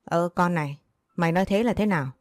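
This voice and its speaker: A woman's voice: lowish voice, quick pace, dry recording, close to an everyday voice. A woman voicing a harsh older village moneylender woman who talks bluntly and rudely. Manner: blunt, bullying, rude.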